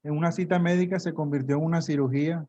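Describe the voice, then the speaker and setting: A man, a pastor, giving a measured church testimony alongside his wife. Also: on the high side, fairly even intonation, dark tone, lo-fi sound.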